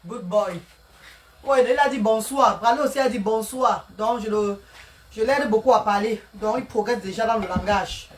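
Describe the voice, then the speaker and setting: A woman with a slightly high voice at normal speed talks while cooking on a casual live stream from her home kitchen, with music playing behind her. She welcomes viewers by name and frequently mentions God's blessings.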